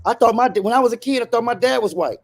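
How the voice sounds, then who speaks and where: A co-host on a casual talk show, raised in America by a Honduran family, debates in a very high-pitched, rapid-fire voice. He defends himself in rambling bursts, restarting his sentences again and again.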